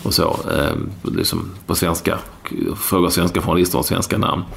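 Gravelly deep-voiced man. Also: steady tone, slight background noise. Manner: rambling, blunt, with many fillers. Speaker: podcast co-host. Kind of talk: casual football chat.

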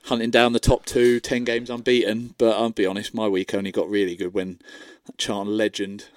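A man's voice: on the low side, little pitch movement, a little fast, clear, resonant tone. A man hosting a football preview show from a studio, chatting in a casual, jokey and informal way. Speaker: sports show host. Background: music bed.

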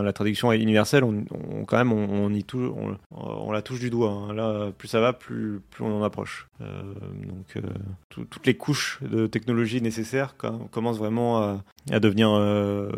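Young man, low gravelly voice, halting delivery, lots of ums, relaxed streamer chat. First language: French. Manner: hesitant, many fillers and restarts. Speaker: tech streamer. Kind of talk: casual live-stream chat.

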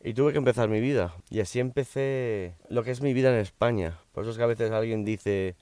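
A man's voice: mid-range voice, brisk, dark tone, no room sound. A middle-aged man from Spain, raised in Miami with English as his first language, telling his personal story as a podcast host in a frank, conversational way with emphatic repetitions. His Spanish has a slightly foreign, American-tinged accent. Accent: slightly off Spanish, American-influenced.

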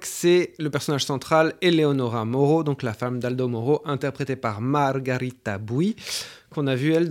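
A man hosting a round-table film podcast, lively and quick to laugh between questions. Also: medium pitch. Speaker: podcast host.

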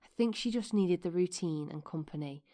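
Woman, podcast host, low voice, mellow, casual chat, whispered asides, voice cracking. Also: a little fast. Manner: chatty and animated, slipping into whispered asides.

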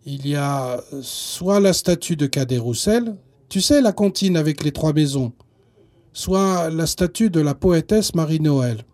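A man putting on a bright, cheerful young boy in a children's story. The pitch lifts high and swings a lot, and the tone stays mellow and slightly husky. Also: very animated, measured pace, heavily acted. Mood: hesitant. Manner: hesitant, then bright and cheerful. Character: local boy, cheerful and knowing. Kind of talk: storybook narration.

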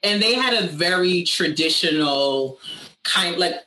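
A woman from Barbados, a podcast guest, talking in a relaxed, thoughtful way with many fillers. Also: fairly low pitch, a little slow. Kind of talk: casual reflective chat. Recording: echoey room, faint background noise.

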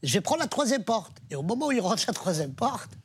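A man with a high, husky voice who tells jokes with energy. He leaps up in pitch at the punchlines and builds his stories with comic pauses. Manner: animated storyteller, big pitch jumps on punchlines. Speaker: guest comedian. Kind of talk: joke telling and casual chat.

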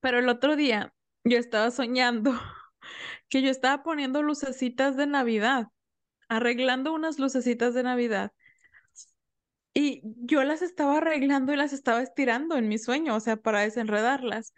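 A young woman, co-hosting a podcast and chatting casually with quick reactions. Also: sits high, no echo. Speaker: podcast co-host. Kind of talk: casual chat.

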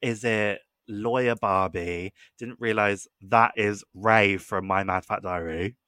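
A man's voice: on the low side, fairly even intonation, slow, bright, forceful tone, no room sound. A young man, co-hosting a podcast and gushing in casual, filler-heavy chat. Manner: gushing, chatty, lots of fillers. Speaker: podcast co-host.

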